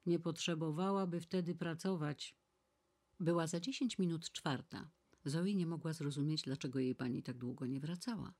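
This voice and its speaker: A woman reading a classic novel aloud in measured, even storytelling. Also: low-pitched. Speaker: audiobook reader. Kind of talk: scripted narration.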